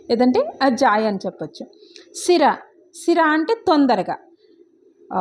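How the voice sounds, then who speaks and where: A woman's voice: sits high, a little hiss or hum. A woman whose first language is Telugu, explaining words one by one in a casual spoken lesson, chatty and often checking in with her listeners. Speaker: vlogger teaching Arabic words.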